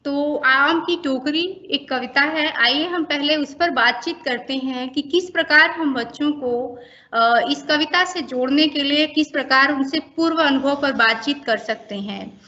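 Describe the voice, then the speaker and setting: Woman, teacher trainer, bright clear voice, patient instruction, repeats sounds slowly. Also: high voice, muffled recording.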